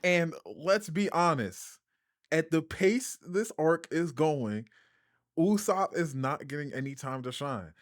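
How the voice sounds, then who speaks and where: Brief: male podcast co-host, slightly higher voice, dry close headset sound, keeps pushing his argument. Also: lively intonation, slow, no echo. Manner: argumentative, presses his point through interruptions. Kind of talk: casual podcast chat.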